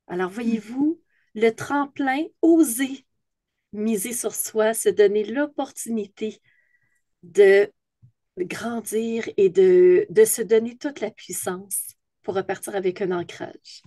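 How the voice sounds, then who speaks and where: A woman's voice: mid-range voice, slow, mellow, no room sound, studio quality. A woman from North America with a Québécois accent, hosting a video-call interview in an enthusiastic, emphatic manner. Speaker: host.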